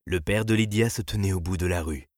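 A man narrating an audiobook in a husky, expressive, dramatic way. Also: deep voice, brisk, no room sound, studio quality.

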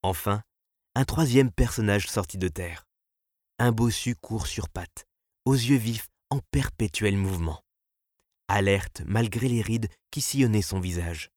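A man narrating an audiobook in a husky, expressive, dramatic way. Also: on the low side, a little slow, no echo, studio quality.

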